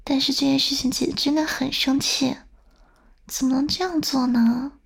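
A woman's voice: sits high, fairly even intonation, moderate pace, gravelly. A young woman playing a stern but doting older sister who scolds and coaxes the listener, in a whispered role-play. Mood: soothing. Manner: scolding, then coaxing softly.

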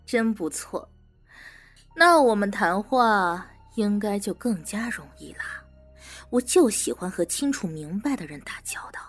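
A woman's voice: mid-range voice, sing-song, measured pace. A woman voicing a teasing, smug female prison warden and interrogator in an audio drama, with faint music behind. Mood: mocking.

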